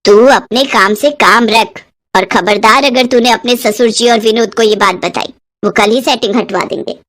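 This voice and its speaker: A woman's voice: fairly high pitch, moderate pace, fairly bright tone, close to an everyday voice. A woman voicing a stingy, scolding middle-aged mother-in-law in a cartoon, with a bossy, penny-pinching way of talking. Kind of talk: cartoon voice acting.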